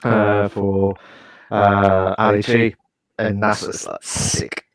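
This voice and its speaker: A British man co-hosting a podcast, chatting casually with many fillers, restarts and hesitant pauses. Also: fairly low pitch, little pitch movement. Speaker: podcast co-host. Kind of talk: casual chat.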